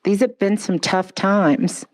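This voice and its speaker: A woman giving a heartfelt address at a pet memorial ceremony, speaking in a gentle, consoling way with soft pauses. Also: medium pitch.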